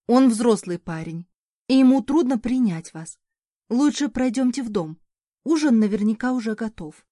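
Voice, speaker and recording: A defiant young heroine who hides her magic, emotional and quick to snap back, read by a woman in her own voice. The tone is dark and mellow, recorded close and dry. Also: a little high, expressive, no room sound. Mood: gentle. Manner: emotional, sharp in retorts. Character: young woman, secret unregistered mage, defiant.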